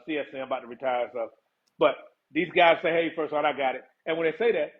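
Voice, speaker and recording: A man, a retired first sergeant, talking casually in an interview, laid-back and laughing often. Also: a little high. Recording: tinny phone-like line.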